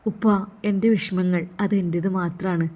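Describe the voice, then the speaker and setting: A woman voicing a gentle, devout young woman lawyer who grieves in a soft, tearful way, with a Malappuram Malayalam accent. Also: fairly low pitch, steady tone, moderate pace, lightly acted. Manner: tender, tearful pleading.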